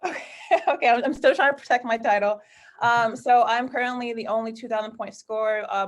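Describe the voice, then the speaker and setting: A woman in her thirties from Connecticut talks casually as a panel guest. She is friendly and loose, filling gaps with "um" and correcting herself as she goes. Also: mid-range voice. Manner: friendly, rambling with many fillers and self-corrections. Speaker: guest speaker, college basketball staff. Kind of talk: casual panel talk on a video call.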